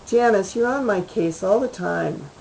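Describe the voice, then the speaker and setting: A woman reading the lines of an irritated, defensive husband in a short story, in a flat, matter-of-fact way. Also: medium pitch, unhurried, gravelly, slight background noise, low-quality recording. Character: irritated middle-aged husband, defensive and wry.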